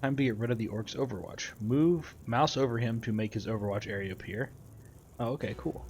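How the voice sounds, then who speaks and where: A man with a fairly low, slightly mellow voice hosts a gameplay video, chatting casually and reading the tutorial text out loud. Faint background noise and game ambience can be heard.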